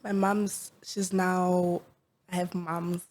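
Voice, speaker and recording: Young South African woman interviewee, mellow flat delivery, shy and hesitant. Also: lowish voice, takes it slowly. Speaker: football player guest. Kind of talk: interview answers.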